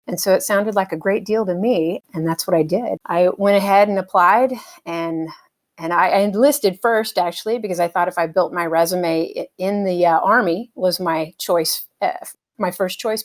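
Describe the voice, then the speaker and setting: Guesting on a casual interview, a middle-aged helicopter pilot from the United States speaks in a slightly low voice. She answers in a relaxed, reflective way, filling pauses with small hesitations and easy laughter.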